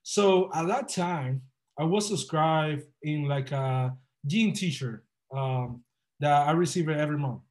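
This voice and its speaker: A young man from the Dominican Republic appears as a guest entrepreneur in a casual podcast interview, speaking slowly with a fairly high pitch. He tells his story in an earnest, upbeat, motivational manner.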